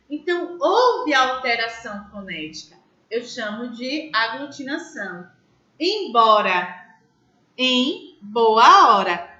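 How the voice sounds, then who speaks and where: High, lively Brazilian-class teacher woman. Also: roomy sound, highs cut off. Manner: explains step by step, asks students questions. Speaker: grammar teacher. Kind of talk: online class lecture.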